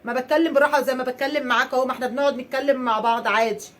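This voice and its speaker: Loud, fast Egyptian woman with a high voice. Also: steady tone. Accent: Egyptian Arabic. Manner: loud, sarcastic and exasperated, rapid-fire ranting. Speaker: wife in a comedy sketch. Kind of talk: comedic domestic sketch.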